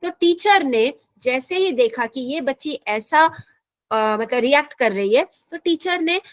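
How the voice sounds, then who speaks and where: Woman teacher from India, high voice, patient, repeats herself, slow careful English with an Indian accent, dry close sound. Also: expressive, no echo. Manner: patient, repeats and rephrases often; slows down sharply to read English lines. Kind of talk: explaining a school English lesson in Hindi.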